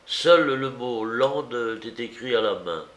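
Male narrator, unhurried reading, echoey room sound. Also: mid-range voice, expressive, fairly bright tone. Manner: slow, measured reading. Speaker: audiobook reader. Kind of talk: scripted narration.

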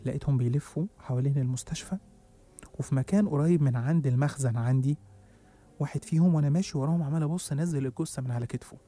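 A man's voice: mid-range voice, very fast, dark tone. A man with an Egyptian Arabic accent narrating a suspenseful first-person horror story. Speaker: storyteller host.

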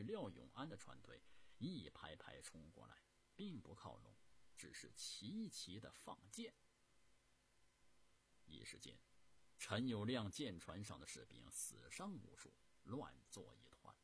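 A man narrating a historical story dramatically, jumping from loud bursts to hushed whispers. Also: fairly low pitch, vocal fry, a little hiss or hum.

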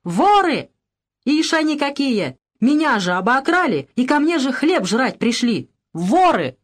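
A woman voicing a furious, greedy old peasant man who yells in a hoarse, wheezing rage, in a spoken storybook. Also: mid-range voice, lively intonation, a little slow. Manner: yelling in a rage.

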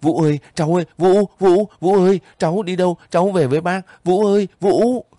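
A man's voice: on the low side, a little slow, darkish tone, dry recording, studio quality, close to an everyday voice. A man voicing a kindly older village woman who pleads and sobs over her nephew in a spoken story. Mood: wailing. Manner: pleading, sobbing, fussing.

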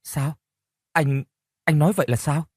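A man's voice: fairly high pitch, fairly even intonation, measured pace, husky, no room sound, pitched above the performer's own voice. A man voicing a young village wife who fusses over her husband and exclaims at his news, in a dry audio storybook recording. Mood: questioning. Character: young village wife, anxious then overjoyed.

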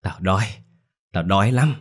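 A man's voice: sits low, a little fast. A man voicing a ravenous, foul-mouthed old grandmother who snarls and shrieks curses. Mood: menacing.

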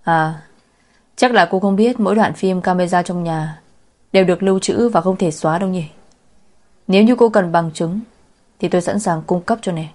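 A woman voicing a sharp-tongued young woman who taunts her family, in a storybook reading. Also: fairly low pitch, moderate pace, pauses often, close to an everyday voice. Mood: mocking. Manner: taunting, sarcastic.

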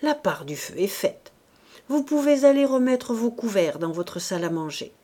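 A calm, obliging middle-aged official reassures in a storybook scene, voiced by a woman. He is steady, measured and firm. The timbre is mellow. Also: on the high side. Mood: reassuring.

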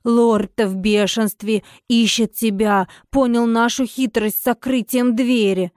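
A woman voicing an old male house spirit, gruff but caring, in a slow homely drawl. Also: on the high side, fairly even intonation, a little mellow, no echo, studio quality, close to an everyday voice. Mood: alarmed.

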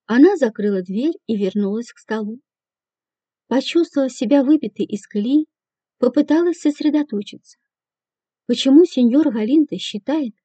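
A female audiobook narrator reading in a measured, even way. Her voice sits high with a very dark, mellow timbre. The recording is dry and dull, a little lo-fi. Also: dry recording.

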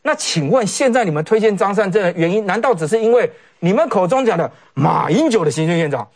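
Fast, lively Taiwanese man commenting. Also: high-pitched. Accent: Taiwanese Mandarin. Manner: animated, sarcastic, mimics other people's words. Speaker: political commentator. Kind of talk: political talk show commentary.

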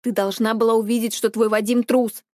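A woman's voice: a little high, flat delivery, brisk, darkish tone, no echo, clean studio sound, close to an everyday voice. A woman voicing a spiteful, controlling teenage older brother who talks in a sneering, scornful way.

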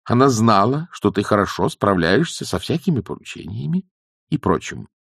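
A man's voice: fairly low pitch, big pitch swings, moderate pace, gravelly, no room sound, studio quality, exaggerated voice. A man voicing a stern, bossy old woman witch who speaks curtly and commands. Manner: curt, commanding.

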